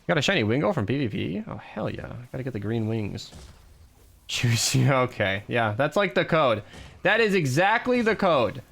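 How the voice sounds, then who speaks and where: Lively, rambling male streamer. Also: medium pitch, moderate pace, creaky. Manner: animated, rambling, laughs often; self-deprecating. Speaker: live streamer. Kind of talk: casual live-stream chat while gaming.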